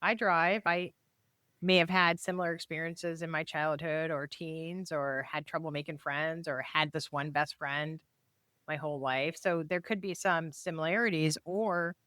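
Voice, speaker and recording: Low-voiced podcast co-host, agreeable, thinks out loud, dry sound. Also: female voice, steady tone, normal speed, no echo. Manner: agreeable, chimes in and muses aloud. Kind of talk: casual podcast chat.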